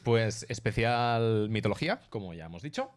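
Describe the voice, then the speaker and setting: A young man from hosts a casual podcast chat. He steers the conversation with a brisk, teasing manner. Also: on the low side, sing-song. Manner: leads the talk, brisk and teasing. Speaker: podcast host.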